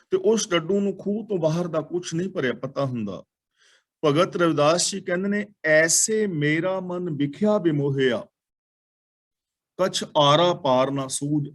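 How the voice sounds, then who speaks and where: A man preaching, chanting scripture verses slowly and then explaining their words one by one. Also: fairly high pitch. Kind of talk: scripture exposition.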